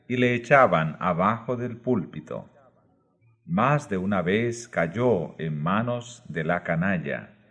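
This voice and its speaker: A man narrating a religious book aloud, reading in slow, measured short phrases. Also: lowish voice. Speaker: audiobook narrator.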